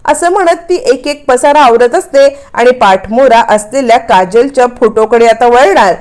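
A woman's voice: fairly high pitch, moderate pace, darkish tone. Female storyteller recapping a serial episode, explanatory tone.

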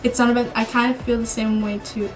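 A woman's voice: on the high side, little pitch movement, fast, faint music behind, low-quality recording. A woman vlogging to camera in a nervous, rambling way. She talks to herself and repeats her words. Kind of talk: casual vlog to camera.

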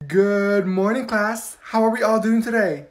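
Brief: man doing a high, bright-voiced bossy teacher lady, all singsong cheer with a scolding edge. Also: steady tone, brisk, natural voice. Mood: cheery. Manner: chirpy and scolding. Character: peppy bossy female schoolteacher, middle-aged.

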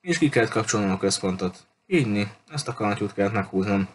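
A man's voice: lowish voice, animated, a little hiss or hum, natural voice. A man voicing a fussy older railway clerk who rambles and grumbles as he remembers. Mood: reminiscing.

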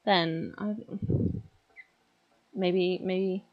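A woman's voice: lowish voice, fairly even intonation, drawn-out words. A British woman chatting casually on a drawing stream, playful and giggly, repeating words over and over. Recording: dull lo-fi stream audio with faint music.

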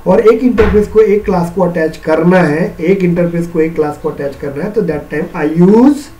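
A man's voice: high-pitched, normal speed, warm tone, a little hiss or hum, rough recording. A male teacher giving a classroom programming lecture in a mix of Hindi and English, often checking whether the students understand. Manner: repeats questions to check understanding.

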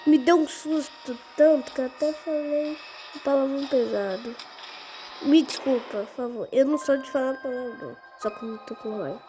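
Playing a game for her channel with faint music behind her, a young girl gives relaxed commentary in a high, warm voice at normal speed. She mutters to herself along the way and startles easily.

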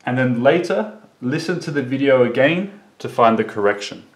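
A male teacher giving a recorded English lesson for children, repeating model sentences slowly and carefully. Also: mid-range voice, lively intonation.

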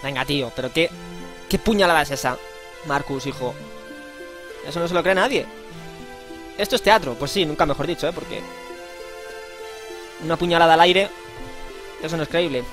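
A man's voice: on the high side, normal speed, pauses often. A man with a Spanish accent giving casual, playful gameplay commentary, joking and exclaiming as he plays. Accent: Spain. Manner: playful, slangy, jokes and exclaims while playing. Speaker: let's play host. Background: faint game music.

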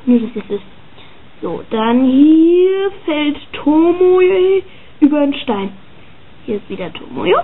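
A woman's voice: sits high, big pitch swings, takes it slowly. A woman chatting casually and hesitantly as she comments on her own drawings and reads their captions aloud. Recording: tinny phone-like sound.

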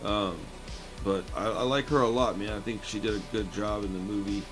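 Laid-back guy almost forty, lowish voice, chatty movie review from his room, music going loud behind him. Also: a little fast. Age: 30s. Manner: relaxed and chatty, says "man" a lot. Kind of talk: casual video review. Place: home room lined with shelves of records and films.

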